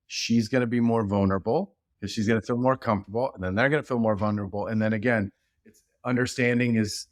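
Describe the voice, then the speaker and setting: A middle-aged man, a leadership expert guesting on a podcast, telling stories in an animated, rambling way with many restarts. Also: lowish voice, no room sound, studio quality. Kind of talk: casual podcast conversation.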